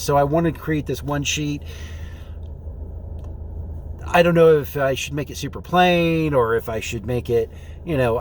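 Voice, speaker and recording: A man's voice: medium pitch, slight background noise. A man chatting casually and rambling through a vlog, recorded on a phone from inside a car. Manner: rambling, informal. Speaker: vlogger. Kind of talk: casual vlog chat, thinking aloud. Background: faint vehicle ambience.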